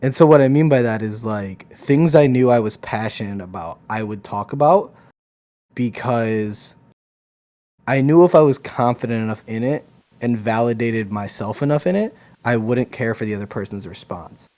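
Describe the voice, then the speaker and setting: A man's voice: mid-range voice, moderate pace, darkish tone. A man co-hosting a podcast, recounting his own experience in casual chat, hesitant and full of restarts. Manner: hesitant storytelling with many restarts. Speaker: podcast co-host.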